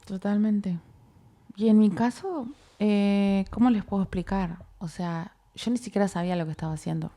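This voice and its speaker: A woman from Uruguay with a Uruguayan Spanish accent, co-hosting and telling a personal faith story in a casual, animated way, acting out her own inner dialogue. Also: mid-range voice, moderate pace. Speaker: co-host.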